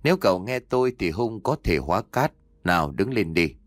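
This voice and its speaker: A man's voice: deep voice, big pitch swings, fairly quick, no echo. A man voicing a wise old exorcist master. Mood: calm instructive.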